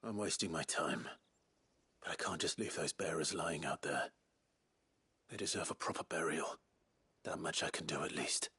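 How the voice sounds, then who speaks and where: A man playing a brooding, defiant young warrior in a video game, stern and deliberate in manner. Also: a bass voice, vocal fry, sharp tone, a little hiss or hum, full character voice. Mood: grim sorrow.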